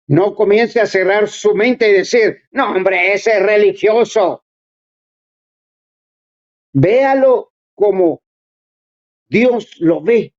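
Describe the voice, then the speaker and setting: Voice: mid-range voice, a little mellow. A preacher giving a sermon, exhorting and speaking straight to the listeners in an earnest way. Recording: dull lo-fi recording.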